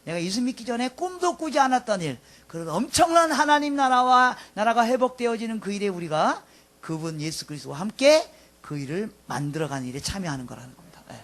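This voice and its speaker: A pastor in his fifties preaching a sermon, swinging from loud emphatic lines to soft, quiet asides. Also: high voice, very animated, fairly quick. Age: 50s.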